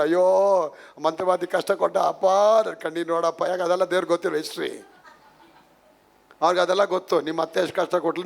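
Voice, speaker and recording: A man's voice: a little high, creaky. A man preaching a charismatic sermon to a congregation, emphatic and full of rhetorical questions, slipping English phrases in.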